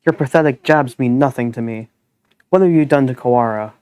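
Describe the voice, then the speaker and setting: A man's voice: medium pitch, fairly quick, darkish tone, clean tone, close to an everyday voice. A man voicing a haughty young aristocratic male pigeon who hurls formal, scornful insults.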